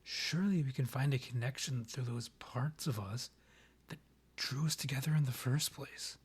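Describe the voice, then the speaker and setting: A man performs a proud and guarded vampire king for romantic ASMR, his breathy voice frequently dropping toward a whisper as he speaks in a courtly, formal, hesitant manner. The pitch is mid-range with fairly even intonation, and he sounds stiff and on the defensive.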